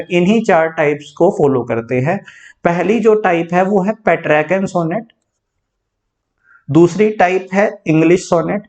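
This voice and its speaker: High, gravelly male teacher explaining step by step. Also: a little mellow. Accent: Haryanvi Hindi. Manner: explains step by step, asks and answers his own questions; mixes English terms into Hindi speech. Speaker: English literature teacher. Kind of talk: exam-prep lecture.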